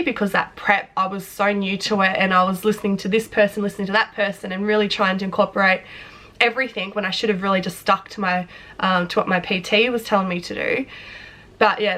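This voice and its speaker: Young woman with flu-hoarse voice, bright tone, candid and rambling; personal vlog. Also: mid-range voice. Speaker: vlogger and personal trainer. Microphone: front camera close up.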